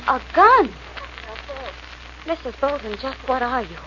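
Captive young heroine, played by an actress: fairly high, urgent, pleading, 1940s radio style, noisy recording. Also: female voice, expressive, normal speed, highs cut off, close to an everyday voice. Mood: alarmed. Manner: earnest, pleading.

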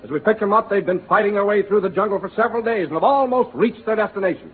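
A male announcer giving scripted narration for a 1930s radio show, in a crisp announcer's delivery. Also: high voice, fast talker. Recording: tinny 1930s radio broadcast with music.

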